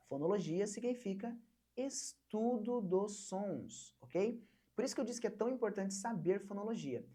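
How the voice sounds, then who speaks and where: A young woman from Brazil teaching an online English lesson, patiently repeating words slowly for learners to copy. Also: fairly low pitch, dark tone, slightly rough.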